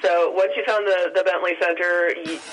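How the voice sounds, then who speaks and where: A woman talking over the phone as an event organizer, pausing often with filler sounds. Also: lowish voice, fairly even intonation, rough recording. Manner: hesitant, many filler sounds. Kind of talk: phone-in interview.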